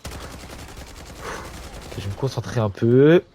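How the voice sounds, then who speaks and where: A young man chats casually to his viewers while he plays, his voice sitting at an ordinary middle pitch. He talks in slang and often bursts into loud, startled exclamations. Faint game sounds play quietly behind him. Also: very slow, a little hiss or hum. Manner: excitable, slangy, talks to viewers, sudden yelps. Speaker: gamer streamer. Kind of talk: casual gameplay commentary.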